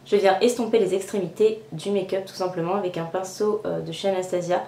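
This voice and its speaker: A young woman talks through her makeup routine in a relaxed, chatty way, step by step. Her voice sits at a middle pitch and carries a noticeable echo from the room around her. She often stops for little fillers as she goes. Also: a little fast, slight background noise. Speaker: beauty vlogger. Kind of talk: casual makeup tutorial narration. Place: room at home.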